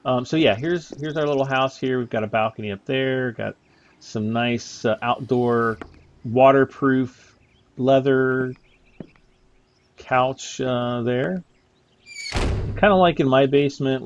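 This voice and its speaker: A man's voice: medium pitch, dull audio. A man giving casual, rambling commentary over his gameplay, chuckling often between thoughts. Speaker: gaming YouTuber.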